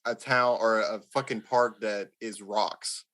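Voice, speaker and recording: A man's voice: fairly low pitch, steady tone, measured pace, a bit bright. A man hosting a podcast, chatting casually with friends in a laid-back, profane way. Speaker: podcast host. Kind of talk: casual chat.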